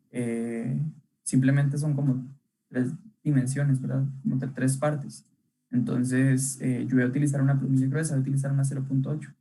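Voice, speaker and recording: A young man leads a live online drawing class in a mellow, slightly husky voice. He talks casually as he works, filling pauses with "um" and asking short checking questions, and his voice drifts on and off the webcam mic. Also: medium pitch, poor audio. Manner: casual, thinking aloud, many tag questions and fillers. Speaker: illustration workshop teacher.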